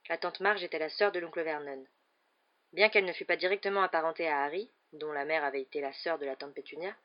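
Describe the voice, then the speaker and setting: Audiobook narrator, steady measured read; lo-fi, muffled recording. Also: medium pitch. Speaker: audiobook reader. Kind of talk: scripted narration. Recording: dull lo-fi recording.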